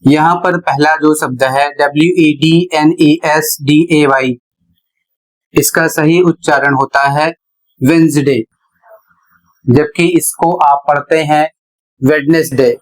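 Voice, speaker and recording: A man teaching English pronunciation in a slow, explanatory lesson, spelling words out letter by letter. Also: fairly high pitch, fairly even intonation, poor audio.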